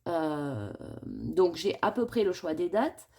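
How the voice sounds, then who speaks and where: A woman in a casual coloring vlog, talking to her viewers while she works. Her voice sits a little on the low side. She thinks aloud in a rambling, confiding way and sounds a bit worried. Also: sing-song, takes it slowly, gravelly, a little mellow, slightly rough. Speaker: coloring vlogger.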